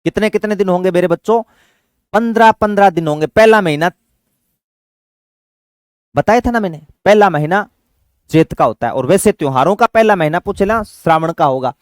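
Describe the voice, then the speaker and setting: A man teaching an exam-prep lesson, fatherly with his students, asking questions and answering them himself, chanting memory tricks slowly. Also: high voice, no room sound.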